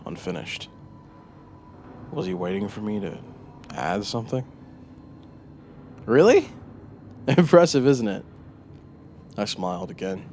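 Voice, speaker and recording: A man narrating a scripted horror story with a dramatic delivery that moves between hushed menace and eager swells. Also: low-pitched, vocal fry, slight background noise.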